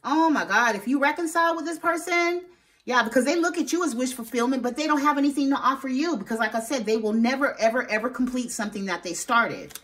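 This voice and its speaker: A woman giving a casual tarot reading, sassy and expressive, swearing freely and talking straight to her viewers. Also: sits high, fast talker. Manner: talks straight to viewers, asks spirit aloud. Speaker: tarot reader.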